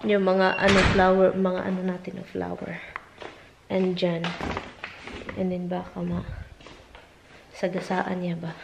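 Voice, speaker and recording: A woman's voice: completely flat delivery, slow, creaky, pauses often, noisy background. A woman casually vlogging from her home, mixing Tagalog and English as she chats about her garden and cooking. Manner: mixes Tagalog and English, chatty, talks to her dogs in a high sing-song baby voice. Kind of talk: casual home vlog chat.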